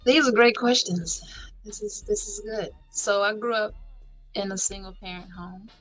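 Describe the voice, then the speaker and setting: A woman in her thirties from Houston, a podcast guest speaking in a measured, thoughtful way with many fillers. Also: medium pitch, fairly even intonation, fairly bright tone, soft background music. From Houston, Texas, US. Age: 30s. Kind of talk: casual podcast interview. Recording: dull lo-fi recording.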